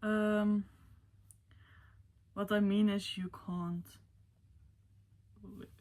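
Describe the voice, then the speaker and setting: A woman's voice: medium pitch, little pitch movement, very slow, a little mellow. A woman vlogging casually about books, rambling and emotional with many fillers and self-corrections. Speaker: book vlogger. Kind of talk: casual book ranking vlog.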